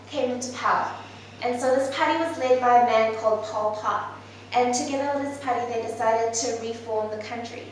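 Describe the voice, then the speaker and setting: Talking to her congregation about her mission work, this Malaysian-born speaker in her 20s, who grew up in New Zealand, keeps things casual with lots of ums and gentle laughter. Her pitch runs a little high. She's picked up from far off in a very reverberant hall, and a little noise hangs in the background.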